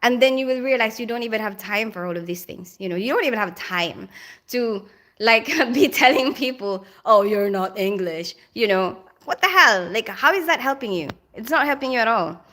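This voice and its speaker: A woman's voice: a little high, lively intonation, normal speed, sharp tone. A woman with a Filipino accent who grew up in the Philippines, chatting casually on a live stream, reading viewer comments aloud and laughing often.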